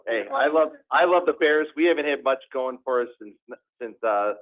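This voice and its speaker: A man's voice: medium pitch, lively intonation, moderate pace. A man chairing a committee meeting, chatty and joking between reports. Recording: tinny phone-like line.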